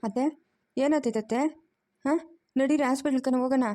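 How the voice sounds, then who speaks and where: A woman's voice: sits high, steady tone, brisk, mellow, no room sound, lightly acted. A woman voicing a practical young son-in-law who coaxes and reasons with his mother-in-law in a cartoon story. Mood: coaxing. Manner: reasoning, coaxing. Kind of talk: cartoon voice acting.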